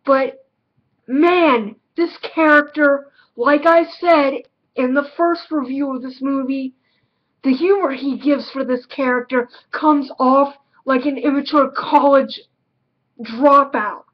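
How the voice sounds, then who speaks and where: A woman's voice: sits high, takes it slowly, highs cut off. A woman giving a casual film review, blunt and emphatic, repeating words for stress.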